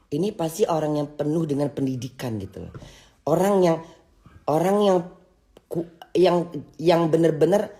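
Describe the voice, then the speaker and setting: A woman's voice: lowish voice, a little mellow. A woman, hosting a livestream and ranting casually in a scolding way, stumbling and restarting her words often. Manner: halting and scolding, with many restarts. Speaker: livestream host.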